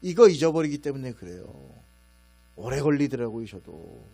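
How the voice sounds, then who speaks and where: A man's voice: big pitch swings, normal speed, gravelly. Middle-aged man preaching in a chatty way. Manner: conversational storytelling, acts out his own stern and gentle voices. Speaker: pastor. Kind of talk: sermon. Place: church sanctuary. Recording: low mains hum behind the voice.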